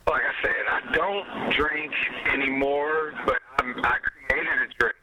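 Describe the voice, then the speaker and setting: Brief: male musician guest, very bright voice, lively storyteller who laughs and curses a lot. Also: medium pitch, a little slow, slight background noise, low-quality recording. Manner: animated storyteller, laughs often, swears freely. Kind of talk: casual interview chat.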